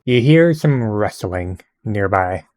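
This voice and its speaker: A man's voice: lowish voice, animated, takes it slowly, darkish tone, dry recording, clean studio sound. A man narrating a tabletop game as game master, in a laid-back way with chuckles.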